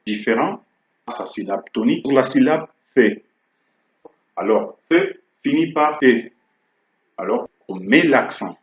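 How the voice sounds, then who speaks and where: Guy teaching french real slow, keeps asking d'accord, echoey room, kinda dull audio. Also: mid-range voice. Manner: slow, repeats key words, checks with "d'accord?". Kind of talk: language lesson, slow and explanatory.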